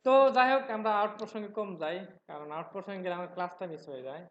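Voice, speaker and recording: A man from Noakhali in Bangladesh with traces of a regional Bangladeshi Bengali accent, teaching a live software class, talking fast and checking in with his students. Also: high voice, lively intonation. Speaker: software instructor. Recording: roomy, dull lo-fi sound with faint noise.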